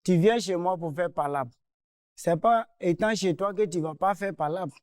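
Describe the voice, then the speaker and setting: A man's voice: sits high, normal speed, a little mellow, no echo, studio quality. A man explaining himself hesitantly and apologizing for a debt he has not repaid. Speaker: carpenter in a dispute. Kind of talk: defending himself on a mediation show.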